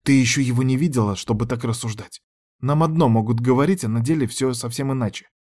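A man's voice: mid-range voice, fast talker, darkish tone, pitched above the performer's own voice, lightly acted. A man voicing an earnest, concerned young sylph woman. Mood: worried.

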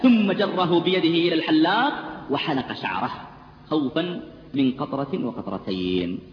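Man, preacher, high voice, fervent sermon storytelling, roomy echo, muffled lo-fi sound. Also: animated, moderate pace. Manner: builds to fervent, tearful-sounding intensity. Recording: echoey hall, dull lo-fi sound, faint hiss.

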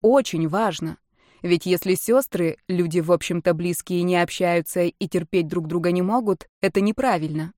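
A woman reading a novel aloud in measured, even scripted narration. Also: fairly low pitch, no room sound, clean studio sound. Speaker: audiobook narrator.

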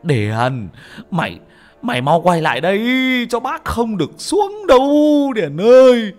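A man voicing a commanding older village man in an audio story, shouting urgent orders in a strained, raised voice. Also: high voice, sing-song, measured pace, soft background music, voice pushed up.

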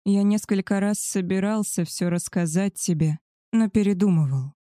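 A woman voicing a male werewolf alpha, a tender and possessive lover, in a soft, husky murmur for an audiobook. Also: mid-range voice, moderate pace, dry recording, clean studio sound, lightly acted. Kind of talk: audiobook character voice.

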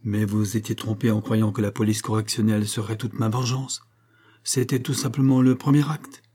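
A man's voice: on the low side, little pitch movement, moderate pace, warm tone, slightly rough. A man reading aloud as a scheming, vengeful husband who taunts his rival with irony. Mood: taunting. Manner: taunting, ironic.

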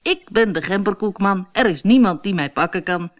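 Cocky little gingerbread man, singsong taunting, read by a woman, lively pitch. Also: moderate pace, lightly acted.

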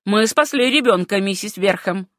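A man's voice: high voice, moderate pace, a bit bright, no room sound, studio quality. A reader voicing a proud young male doctor in an audiobook, speaking with triumphant self-satisfaction.

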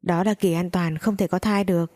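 A woman voicing a calm, matter-of-fact clinic doctor in a storybook reading. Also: fairly low pitch, brisk, close to an everyday voice.

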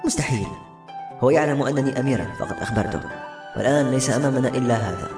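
A man voicing a young lovesick princess who is dreamy and sharp by turns, in a raised voice. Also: medium pitch, racing, close to an everyday voice. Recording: roomy echo, faint music.

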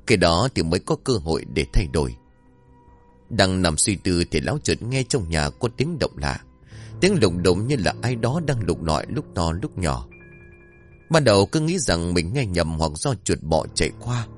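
Lively, low-voiced male storyteller. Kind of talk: scripted ghost story narration.

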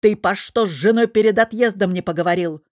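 A woman voicing a blunt, foul-mouthed male friend, reading him in a rough, bossy way in an audiobook. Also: fairly low pitch, normal speed, dry recording, clean studio sound, lightly acted. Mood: yelling. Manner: crude, swearing, bossy. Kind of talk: audiobook character voice.

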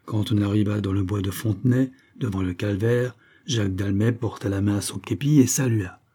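A man reading a novel aloud as audiobook narrator, measured and expressive. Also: fairly low pitch, slightly rough. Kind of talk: scripted narration.

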